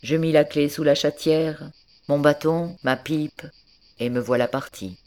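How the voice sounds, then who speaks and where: A woman reading a classic story aloud as an audiobook narrator, in a measured, descriptive way. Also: deep voice, a little mellow. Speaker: audiobook reader. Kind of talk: scripted narration.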